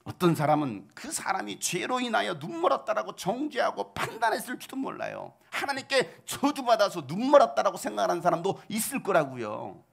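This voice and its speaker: 열정적으로 설교하는 중년 남성 목사. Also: male voice, sits high, fairly quick, gravelly, hardly any pauses. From South Korea. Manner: animated preaching with rhetorical questions, sudden shouted outbursts. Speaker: pastor. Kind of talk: sermon.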